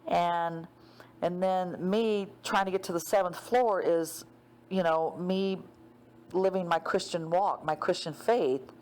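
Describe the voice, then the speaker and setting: A woman's voice: lowish voice, takes it slowly, darkish tone. A woman casually retelling a dream in a rambling way, full of "um" and "like,". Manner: rambling, many fillers like "um" and "like".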